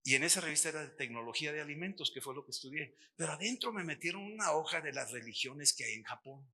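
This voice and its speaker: A middle-aged Mexican man giving a lively testimony sermon at a missions workshop, acting out the dialogue as he tells the story. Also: a little high, fast, slightly rough. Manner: animated storytelling, acts out dialogue.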